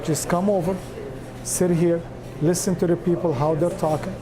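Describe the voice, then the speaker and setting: A man's voice: on the high side, steady tone, normal speed, low-quality recording. A man from Lebanon, a restaurant owner talking earnestly in a news feature interview. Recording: music bed under voice. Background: music.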